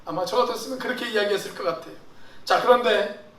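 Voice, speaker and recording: High-voiced pastor preaching in an echoey church. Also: male voice, quick pace, fairly bright tone. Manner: asks the congregation rhetorical questions and answers them; conversational preaching that often starts sentences with "so". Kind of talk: Sunday morning sermon. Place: church sanctuary. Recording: echoey church hall, mic at a distance.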